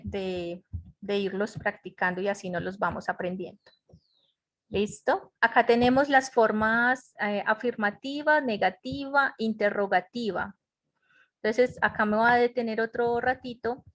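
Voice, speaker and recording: A woman's voice: a little high, steady tone, measured pace, a bit bright. A woman teaching English grammar in an online class, explaining step by step and checking in with her students. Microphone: computer mic in a web conference.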